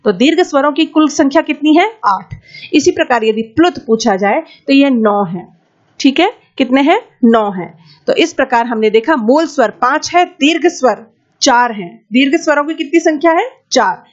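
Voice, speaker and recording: A woman teaching an exam-prep Sanskrit lesson, asking questions and answering them herself, sometimes drawing out vowel sounds slowly. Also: high-pitched, lively intonation. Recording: slightly dull, lo-fi audio.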